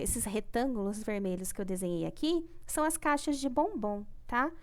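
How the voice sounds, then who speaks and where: Woman, Brazilian Portuguese accent, primary teacher, high voice, patient, checks in often, stretches syllables. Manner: patient, ends phrases with "tá?", syllables drawn out. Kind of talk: recorded remote class explaining homework.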